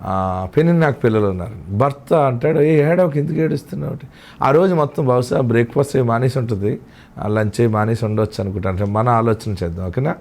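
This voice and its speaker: A male pastor with a Telugu accent preaches a sermon, moving between hushed lines and rising, emphatic ones. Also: medium pitch, a little fast.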